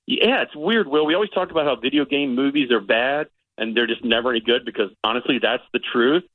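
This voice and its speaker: On a radio show, a middle-aged man with a medium-pitched voice rambles casually through a movie review, repeating himself often for emphasis. The sound is phone quality, with no room sound.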